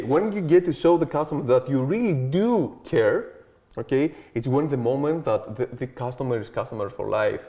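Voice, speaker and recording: A Greek-accented man in his thirties, with a medium-pitched, dark voice, appears as an interview guest. He talks eagerly and confidently in a loose, chatty style, constantly adding "okay" and "like."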